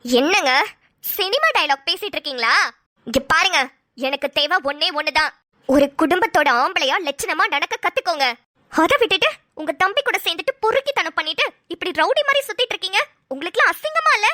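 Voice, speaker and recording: A woman's voice: very high voice, animated, a little fast, pushed and bright, no room sound, studio quality, full character voice. A woman voicing an angry young wife who scolds her husband and talks back. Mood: defiant. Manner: scolding, confrontational. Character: angry young wife, sharp-tongued and defiant.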